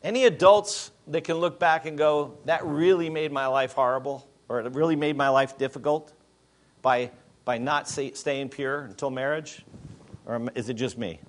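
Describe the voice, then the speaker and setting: A man's voice: medium pitch, steady tone, normal speed. A man in his fifties, a pastor, preaching a sermon with emphatic rhetorical questions to a congregation. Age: 50s.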